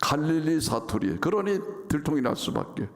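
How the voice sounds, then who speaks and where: A male pastor delivers a sermon with dramatic, acted-out scripture readings. His voice is a touch higher than most men's and swings widely in pitch. It rings with the long reverb of a church sanctuary. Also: very animated, normal speed.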